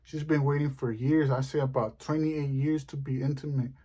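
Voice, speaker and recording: Mellow-voiced man doing deadpan stand-up. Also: medium pitch, moderate pace. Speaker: stand-up comedian. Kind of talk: stand-up comedy monologue.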